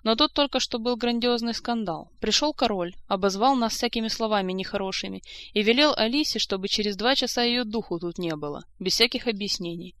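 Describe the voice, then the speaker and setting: A woman's voice: medium pitch, brisk, hardly any pauses, a bit bright, dry recording, pitched above the performer's own voice, lightly acted. A woman reading the lines of an indifferent, mocking young court lady who drawls lazily. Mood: drawling. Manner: drawling, lazy.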